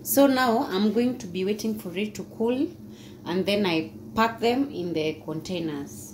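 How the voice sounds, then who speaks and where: A woman with a Kenyan accent narrating a home cooking video step by step in a relaxed, casual way, recorded in her kitchen. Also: medium pitch, measured pace. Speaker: cooking vlogger. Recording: echoey kitchen with background noise.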